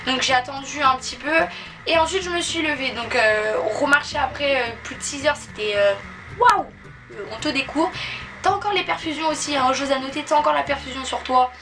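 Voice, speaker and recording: A woman's voice: sits high, a little fast. A young adult woman telling a personal story in a casual, chatty vlog style, informally acting out remembered exchanges. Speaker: vlogger. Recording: distant mic, clear music behind. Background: music.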